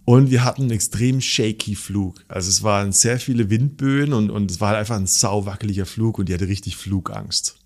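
Male podcast co-host, low voice, animated casual storyteller who swears easily. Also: a little fast, hardly any pauses.

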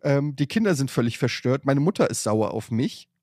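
A man spins a lively anecdote on his podcast, jumping in and out of quoted voices. His voice is slightly husky at a middle pitch. The sound is close and dry. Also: moderate pace, no room sound. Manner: animated anecdote-telling, voices his mother. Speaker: podcast host. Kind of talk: casual storytelling chat.

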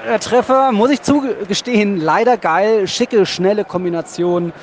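A football podcast host, a man with a high-sitting voice and measured pace, shares casual live impressions from a stadium's stands. The recording is noisy, with a loud crowd and whistling behind him.

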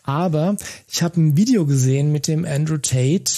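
A man's voice: fairly high pitch, moderate pace, dark tone. A man co-hosting a casual conversational podcast, talking in a hesitant way with many fillers and restarts. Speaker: podcast co-host.

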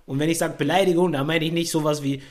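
A man's voice: fairly high pitch, fast. A young man, a podcast host, telling an anecdote in a casual chat, using slang and filler tags. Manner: animated storyteller with youthful slang and many filler tags.

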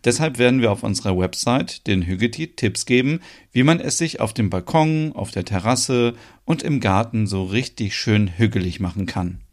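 A man voicing a sleepy, affectionate young woman in an audio soap opera, speaking softly. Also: lowish voice, lively intonation, normal speed, few pauses, natural voice.

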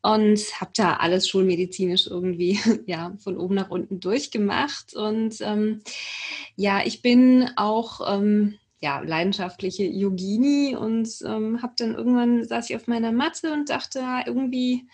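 A young woman interview guest telling a personal story casually, with a husky voice. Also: medium pitch, a little slow, darkish tone. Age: young adult. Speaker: interview guest, Ayurveda adviser.

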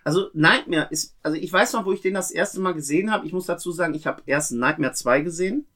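A man's voice: fairly high pitch, quick pace, sharp tone. A middle-aged man co-hosting a podcast, earnestly recalling films and explaining details in casual chat. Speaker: podcast co-host.

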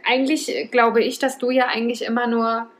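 A woman's voice: fairly high pitch, level tone. A woman in casual podcast chat, cracking jokes and bantering with her co-hosts. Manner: joking interjections and quick banter. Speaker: podcast co-host.

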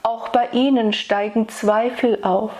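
A woman speaking as a spiritual meditation guide, soothing and intimate, addressing the listener solemnly and tenderly with long pauses. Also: a little high, steady tone, darkish tone. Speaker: spiritual meditation guide delivering channeled messages.

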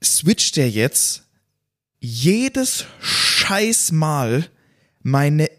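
A man's voice: fairly high pitch, big pitch swings, extremely slow, a bit bright. A man co-hosting a casual tech podcast, his voice clipping with overdriven mic distortion as he complains in exasperation. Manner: exasperated, swearing tech rants. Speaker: podcast co-host.

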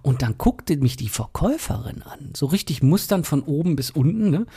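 Man telling a lively story. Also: on the high side, normal speed, breathy edge. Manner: animated anecdote telling with laughs and sound words. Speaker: podcast co-host. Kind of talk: casual storytelling chat.

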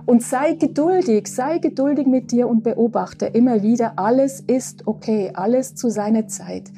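A woman of nearly sixty, hosting a spiritual podcast, talking slowly and reflectively and often checking in with a soft "ja?". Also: fairly high pitch, faint music behind. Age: 50s. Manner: slow, reflective, with frequent asking "ja?". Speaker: podcast host.

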